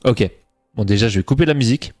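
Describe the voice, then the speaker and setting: A man's voice: medium pitch, quick pace, darkish tone, faint music behind. A young man from Franche-Comté with a faint Franc-Comtois French accent, chatting casually with his stream chat and mocking himself. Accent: slight Franc-Comtois French.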